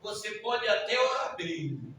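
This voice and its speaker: A Brazilian pastor with a strikingly high voice preaches a Pentecostal sermon, dropping to a hush for stories and rising to shouts with repeated hallelujahs. He is heard from a distance, his words ringing through a cavernous church with faint ambience behind. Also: expressive, a little slow. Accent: Brazilian Portuguese. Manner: swings from hushed storytelling to shouted preaching, frequent hallelujahs. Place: church sanctuary. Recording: very echoey church from far off.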